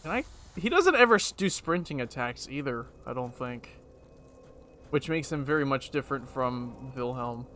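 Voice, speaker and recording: A young man streaming a video game, muttering sarcastic commentary, swearing and yelling at enemies. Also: mid-range voice, expressive, normal speed, slight background noise. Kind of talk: casual gameplay commentary.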